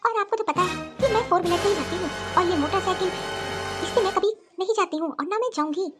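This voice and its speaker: A woman's voice: fairly quick, loud music behind the voice. A woman voicing a proud, demanding young wife who is indignant, in a cartoon story. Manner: shrill, indignant. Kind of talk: cartoon voice acting.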